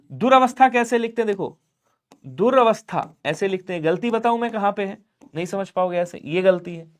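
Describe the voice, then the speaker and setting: High-voiced man teaching a grammar lesson. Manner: explains step by step, asks students questions and answers them; urges viewers to like and subscribe. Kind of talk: online exam-prep lesson.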